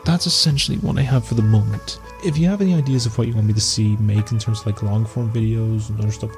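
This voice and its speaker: A man's voice: lowish voice, fast, darkish tone. A man hosting an entertainment news show in a casual, informal, rambling way. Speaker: host of an entertainment news video series. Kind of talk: casual vlog-style film news commentary. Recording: music under the voice. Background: background music.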